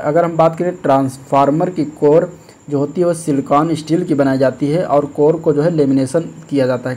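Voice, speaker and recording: Mellow-voiced man explaining test answers. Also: fairly high pitch. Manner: steady explanatory, repeats "ठीक है", frequent fillers. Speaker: exam-prep teacher. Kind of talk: explaining practice test questions.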